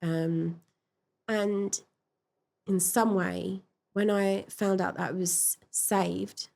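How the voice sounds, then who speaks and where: A woman in a podcast interview, frankly and reflectively telling her personal story, with pauses and fillers. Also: mid-range voice, fairly even intonation, creaky, darkish tone. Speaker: podcast guest.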